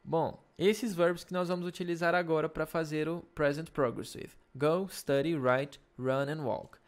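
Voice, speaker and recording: Slow, patient Brazilian male English teacher. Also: on the high side, steady tone. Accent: Brazilian Portuguese. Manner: slow, patient explaining with frequent check-ins. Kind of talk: recorded video lesson.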